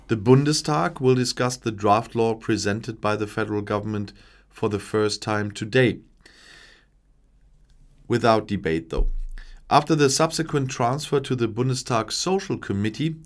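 A man in his forties reading political news from a script at a desk microphone in a small home studio, measured and steady with small slips. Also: lowish voice. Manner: measured, reads long official passages with small slips. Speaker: news commentator. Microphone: desk microphone in front.

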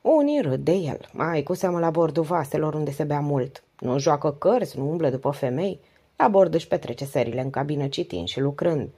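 A weary, devoted wife in her late forties pours out long, flowing confidences, read by a woman narrator. Her voice is low and mellow. A husky grain runs through it. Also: lively intonation, heavily acted. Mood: confiding. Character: 48-year-old wife, talkative, devoted, weary.

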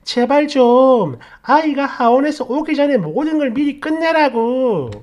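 A woman's voice: expressive, measured pace, a little mellow. A woman voicing an irritated young mother who scolds her husband in a raised, nagging voice. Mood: scolding. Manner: shrill scolding nags.

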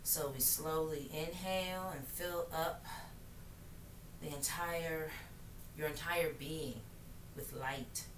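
A middle-aged woman guides yoga and breathing in measured, soothing phrases with long pauses, recorded across a living room. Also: deep voice, fairly even intonation. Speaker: yoga teacher. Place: living room, seated on the floor. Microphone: camera mic across the room. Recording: roomy, noisy, distant microphone.

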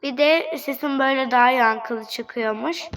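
A woman with a high-pitched voice gives let's-play gameplay commentary. She chats directly to her viewers in a playful, fussing way. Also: measured pace, a bit bright, low-quality recording. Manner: chatty, talks straight to viewers; playful, fretting over angry customers. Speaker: gaming channel host.

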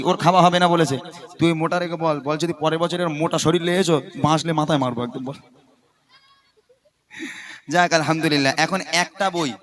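A man, a devotional song singer, bantering playfully with children from a stage at a mosque gathering, teasing and joking as he gives quick commands. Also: a little high, a bit bright. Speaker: gojol singer performing on stage.

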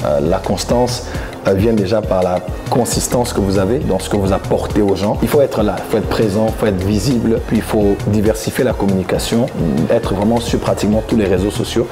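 A preacher in his thirties from the Democratic Republic of the Congo answers interview questions to camera in front of a plain grey indoor studio backdrop, smiling and gesturing with both hands. His voice is on the low side with fairly even intonation, full of thoughtful pauses and many "euh"s. He wears a lapel mic, and background music plays under his voice.

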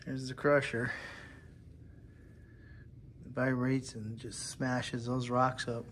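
A man's voice: mid-range voice, flat delivery, slow, fairly bright tone, a little hiss or hum. A man vlogging outdoors at an abandoned mine, casually thinking aloud in an offhand, musing way. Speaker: explorer vlogger. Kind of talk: casual walk-and-talk narration. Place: outdoors at an abandoned mining mill.

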